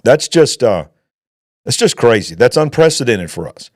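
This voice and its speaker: A man's voice: medium pitch, very animated, normal speed, dry recording, studio quality. A man, a pastor and show host giving emphatic, preacher-like commentary. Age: 50s. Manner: emphatic, preacher-like, rising to exclaim. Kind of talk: opinionated commentary.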